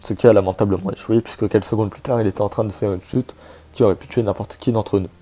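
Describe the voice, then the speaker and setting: A man's voice: on the low side, fairly even intonation, quick pace. A man hosting a casual video, chatty and hesitant with many fillers and joking asides, over faint background music. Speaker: YouTube host presenting a game character.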